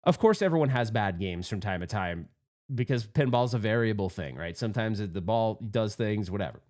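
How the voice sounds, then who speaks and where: A man's voice: on the low side, animated, brisk, a little mellow. A man hosting his own channel, telling a rambling, self-mocking story in a casual, candid way. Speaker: pinball channel host.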